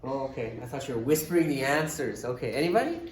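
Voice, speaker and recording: A man's voice: mid-range voice, animated, fast. A man teaching math to a class in a casual, chatty way, thinking aloud as he writes and dropping dry sarcastic remarks. He sounds distant from the mic in a very echoey classroom. A faint hiss sits under his voice. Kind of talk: classroom lecture.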